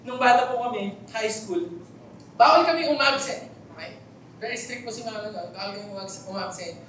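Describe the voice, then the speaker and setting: A man's voice: high voice, moderate pace, fairly bright tone. A man with a Filipino accent, preaching a sermon in a church hall, telling stories with jokes and asking the congregation questions. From Philippines. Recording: very echoey hall, voice from far off, faint noise.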